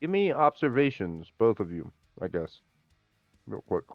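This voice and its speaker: A man's voice: on the low side, very animated, measured pace, no echo, muffled recording, soft background music. A man acting as game master, explaining dice rules in a loose, rambling way. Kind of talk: running a tabletop game on stream.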